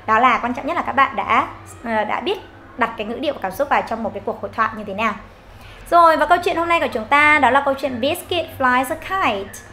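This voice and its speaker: Bright, lively Vietnamese English teacher. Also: female voice, sits high, slight background noise. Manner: demonstrates words with exaggerated rising and falling intonation. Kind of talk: online English pronunciation lesson.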